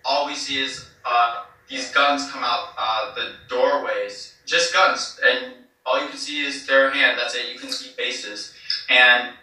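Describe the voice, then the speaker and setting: Man on a low-quality, echoey streamed clip. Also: fairly even intonation, a little slow, sharp tone, distant mic. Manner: hesitant, many fillers and restarts. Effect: low-quality streamed clip audio. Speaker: eyewitness being interviewed. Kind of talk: casual spoken account.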